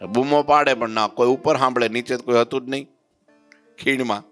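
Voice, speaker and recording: Man giving a devotional sermon, storyteller type, slow chanted verses, faint music underneath. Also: mid-range voice, fairly even intonation, a bit bright. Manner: storytelling, chants verses slowly, asks listeners questions. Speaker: religious preacher.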